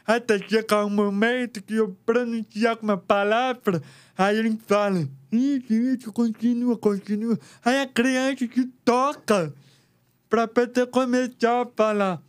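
A Brazilian man with an unusually high, smooth voice tells his story in an interview. He shapes each word slowly and deliberately. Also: steady tone. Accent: Brazilian Portuguese. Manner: slow, careful, deliberate articulation. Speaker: interview guest. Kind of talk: personal story in conversation.

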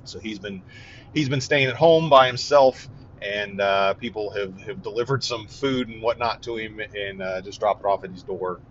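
Man, fairly low voice, halting with lots of ums, earnest, dull lo-fi sound with faint vehicle noise. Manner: halting, many fillers and restarts; earnest and relieved. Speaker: vlogger giving a family update. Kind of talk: casual spoken update.

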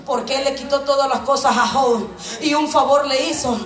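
A woman giving a fervent sermon testimony, going from quiet storytelling to shouted preaching. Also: high-pitched, moderate pace. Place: church hall. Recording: echoey church PA from far off. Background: music and congregation.

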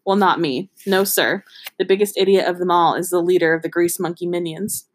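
A podcast host reads a novel aloud in an amateur, casual style, giggling and stopping to joke and comment. Her voice is lowish with fairly even intonation, and she speaks a little fast.

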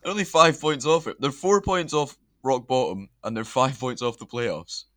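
Bright-voiced man chatting football. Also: mid-range voice, normal speed, dry recording, clean studio sound. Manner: laughs often, chatty. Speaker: podcast host. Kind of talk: casual football chat.

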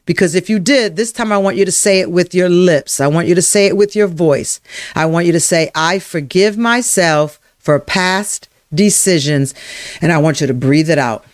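A workshop leader running a live self-help session, speaking to viewers by name, repeating affirmations slowly and guiding breathing exercises. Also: medium pitch, no room sound, studio quality. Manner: slow, emphatic, repeats affirmations and guides breathing. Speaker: emotional wellness workshop leader.

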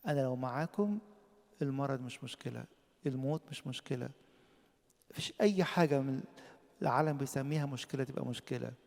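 A man with an Egyptian Arabic accent preaching a sermon, impassioned, swinging from loud emphatic peaks to quiet low lines. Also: quick pace, vocal fry, pauses often, in a large hall.

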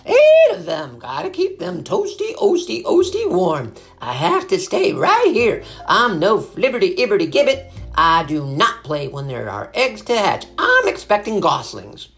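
A woman voicing a fussy female farm goose who repeats her words in a high, excited chatter. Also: measured pace, creaky, hardly any pauses, faint music behind, heavily acted.

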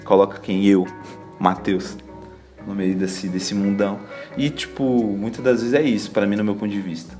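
A man's voice: lowish voice, level tone, normal speed, a little mellow, faint music behind. A young man with a Brazilian Portuguese accent, sharing a casual devotional reflection in a chatty, laid-back way full of slang fillers.

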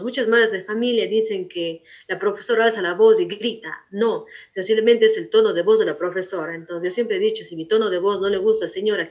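A woman in her forties, a veteran teacher, answering interview questions in a firm, repetitive, explaining manner. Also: medium pitch. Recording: muffled lo-fi recording.

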